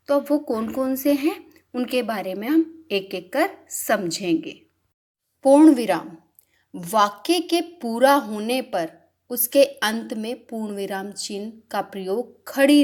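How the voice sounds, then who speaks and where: A woman teacher patiently explaining a grammar lesson step by step, working through examples. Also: on the high side. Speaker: Hindi teacher. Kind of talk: slow classroom explanation.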